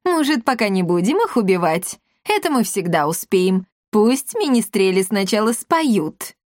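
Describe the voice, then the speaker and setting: A woman's voice: medium pitch, very animated, measured pace, a little mellow, no echo, clean studio sound. A woman voicing a giddy, ingratiating male ghost in a plumed hat in a storybook. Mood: wheedling. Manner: ingratiating, delighted.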